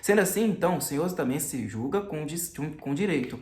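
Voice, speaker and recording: A man's voice: fairly high pitch, animated, a little fast, lightly acted. A man voicing an insistent, fawning middle-aged magistrate in an audiobook reading. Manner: insistent, chatty, falsely friendly. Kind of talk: audiobook character voice. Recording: roomy echo.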